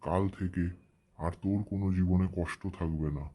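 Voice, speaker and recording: Man playing deep-voiced, kindly Santa Claus. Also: fairly even intonation, normal speed. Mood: reassuring. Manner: gentle, reassuring. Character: kindly, fatherly male Santa Claus comforting a child. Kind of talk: cartoon story dialogue.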